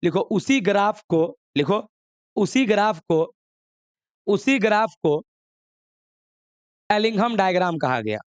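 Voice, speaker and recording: A man's voice: high voice, expressive, slow, pauses often, smooth, no echo. A man teaching a chemistry class, coaxing and scolding students while mixing with English. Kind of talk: classroom lesson.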